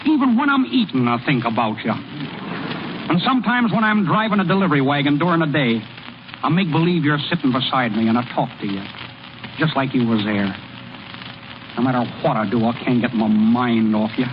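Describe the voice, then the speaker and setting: In 1930s-40s American radio-acting style, an actor plays a plainspoken small-town ballplayer and delivery man who talks in a folksy, slangy way. His medium-pitched voice has lively intonation and is close to an everyday voice, turning halting when he's shy, and he sounds shy and miserable. The recording is a muffled, noisy old radio broadcast.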